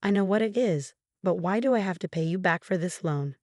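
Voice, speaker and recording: A woman voicing a smug, scheming husband in his fifties in a narrated story, mocking and later yelling in panic. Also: on the low side, animated, brisk, no echo, studio quality, lightly acted. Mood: furious.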